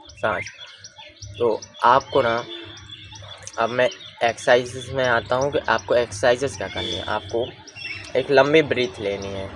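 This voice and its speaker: A young man coaching viewers through breathing and voice exercises in a relaxed, conversational lesson. He explains step by step and keeps checking that listeners follow him. His pitch sits in an ordinary middle range, with faint birdsong in the background. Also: a little hiss or hum. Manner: explains patiently and asks listeners to follow along. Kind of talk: casual spoken tutorial.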